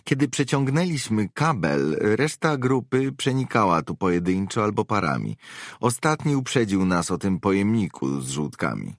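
A man voicing a tough female mercenary who reports in a brisk, matter-of-fact way, in an audiobook. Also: fairly low pitch, big pitch swings, dry recording, studio quality, voice pushed up. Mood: businesslike.

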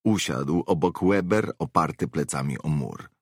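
Man reading audiobook, extremely deep voice, gravelly, slow and lively in pitch, dry close mic. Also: dry recording. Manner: measured, expressive reading. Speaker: audiobook narrator. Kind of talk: audiobook narration.

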